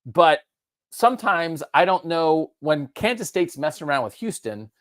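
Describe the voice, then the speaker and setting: A man co-hosting a casual sports talk show, animated and jumping up in pitch to stress points. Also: moderate pace, dry recording, clean studio sound. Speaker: co-host.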